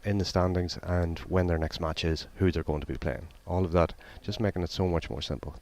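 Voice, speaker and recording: A man with a very deep voice speaks as a guest on a sports commentary. He explains things conversationally, in a plain and matter-of-fact manner. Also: steady tone, fairly quick, a little mellow. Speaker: guest co-commentator explaining his own product.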